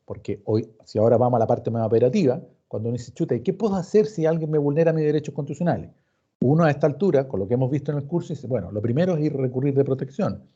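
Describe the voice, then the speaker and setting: A law professor with a Chilean accent teaches an informal online class, didactic and emphatic, repeating words and acting out questions and answers. His medium-pitched voice has a dark tone and a breathy edge. The recorded online meeting sounds dull and muffled.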